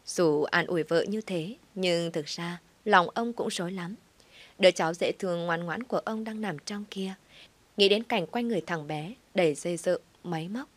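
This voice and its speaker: A woman's voice: fairly low pitch, dry recording. A woman narrating a scripted audio story with an emotive, dramatic reading.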